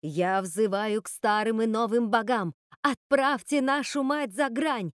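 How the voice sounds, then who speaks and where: A woman's voice: measured pace, no room sound, studio quality, close to an everyday voice. A woman reading aloud and voicing a young witch girl who fights to save her sisters, urgent and pleading. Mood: chanting. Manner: urgent, pleading, high-strung.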